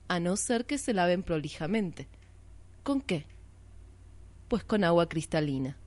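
Brief: woman radio host, measured reflective reading, dry close sound, mid pitch. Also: a little mellow, dry recording. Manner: measured, reflective, posing and answering her own questions. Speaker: radio art show host. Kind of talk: slow literary reading for radio.

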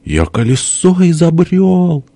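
A man reading an audiobook plays a tiny, cowardly ruler who squeaks and whimpers. His voice jumps high and thin, with a dry, close sound. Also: sing-song, slow pace, vocal fry, mellow, no room sound, exaggerated voice. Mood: whiny. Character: tiny cowardly male ruler, whiny, scurrying. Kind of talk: audiobook character voice.

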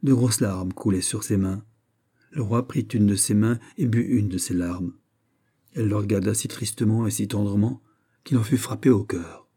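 A man narrating a classic novel as an audiobook in a measured, steady way. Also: lowish voice, husky. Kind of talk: scripted literary narration.

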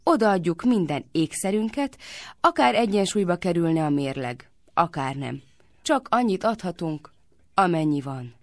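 A bossy young girl with a sharp tongue scolds her friends in a read-aloud tale, played by a woman reader. The tone is low and gravelly, recorded dry and close. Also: expressive, no echo. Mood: annoyed. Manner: scolding, brisk.

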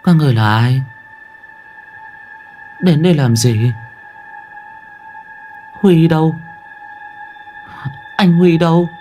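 A man's voice: on the high side, lively intonation, takes it slowly, pauses often, dark tone, soft background music, voice pushed up. A man voicing a dazed, bewitched young woman who asks the same thing over and over. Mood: dazed, pleading. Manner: repetitive, insistent.

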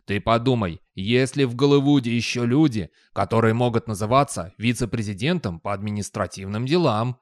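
A man voicing a pushy, fast-talking male con-man producer who wheedles and persuades. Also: medium pitch, no echo, clean studio sound, natural voice. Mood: wheedling.

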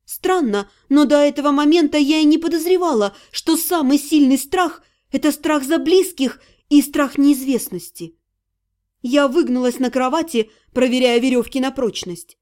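A woman narrating a first-person fantasy audiobook in an expressive, measured way. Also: sits high.

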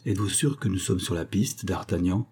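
A man voicing a boastful, slow-witted male musketeer with a bragging, plodding way of speaking. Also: sits low, darkish tone, husky.

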